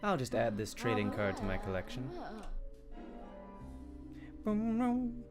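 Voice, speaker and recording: A man's voice: on the low side, fast. A man hosting a let's play with casual gameplay commentary and wry, joking asides. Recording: game music behind the voice. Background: game music.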